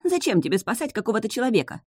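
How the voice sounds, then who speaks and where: A woman voicing a haughty, scheming sea witch who turns sarcastic and shrill. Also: big pitch swings, rapid-fire, darkish tone, breathy edge, no echo, studio quality. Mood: suspicious.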